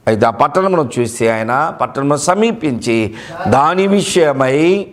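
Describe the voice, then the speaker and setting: A man's voice: mid-range voice, expressive, normal speed, fairly bright tone. A male pastor preaching a sermon, emphatic and repeating key phrases for weight.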